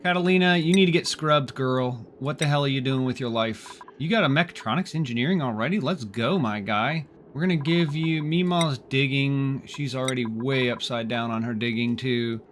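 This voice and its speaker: A man's voice: mid-range voice, normal speed, hardly any pauses, fairly bright tone, slight background noise. A man narrating his game as he plays, sarcastic and exasperated, grumbling at his characters. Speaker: gameplay streamer. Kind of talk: exasperated gameplay commentary.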